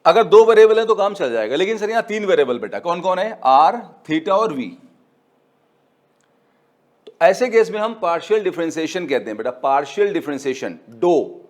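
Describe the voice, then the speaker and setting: A man teaches physics in a fairly high voice. He talks in a patient, coaxing way, repeating each point and answering his own questions for the class. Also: big pitch swings, normal speed. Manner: coaxing, repetitive, calls students "beta"; asks questions and answers them himself. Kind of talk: classroom lecture.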